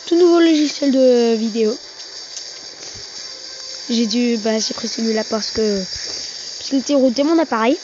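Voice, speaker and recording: On a muffled amateur recording with a noisy background, a gaming video host with a mid-range voice gives casual, halting commentary on a mobile game. He often repeats and corrects his phrases.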